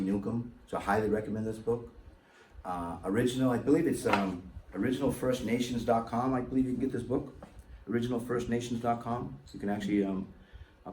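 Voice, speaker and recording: A guest speaker delivers an impassioned, emphatic public talk, his lowish, slightly mellow voice sweeping up on key words. The recording is echoey, made in a hall with a distant mic and faint noise.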